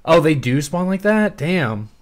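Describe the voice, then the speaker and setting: A man's voice: on the high side, sing-song, unhurried. Profane young male gameplay streamer. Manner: profane, rambling, talks to chat. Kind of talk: casual gameplay commentary.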